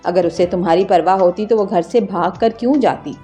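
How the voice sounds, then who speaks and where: A woman's voice: fairly low pitch, mellow, faint music behind, natural voice. A woman voicing an outspoken, protective stepmother in a storybook narration, speaking firmly and reassuringly.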